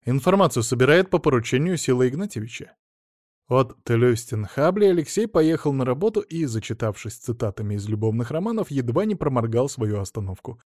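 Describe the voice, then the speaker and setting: A man narrating a novel in a measured, even way, his voice mid-pitched and ordinary. The recording is dry and close, with no room sound. He reads scripted prose steadily. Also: no echo. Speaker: audiobook narrator.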